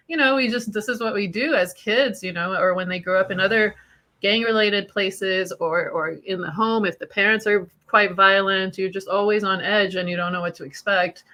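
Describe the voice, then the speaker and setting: Bright-voiced woman from Iran, chatty. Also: medium pitch, moderate pace. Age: 40s. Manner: chatty, swears freely, laughs through dark memories. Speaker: podcast host sharing her story. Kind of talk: candid casual conversation.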